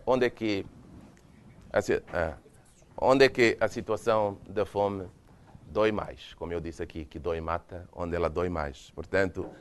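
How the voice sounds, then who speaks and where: Speaking in a deep voice, a guest lecturer from Mozambique presents a university lecture with slides in a lecture hall. He has a Mozambican Portuguese accent and speaks hesitantly, restarting frequently.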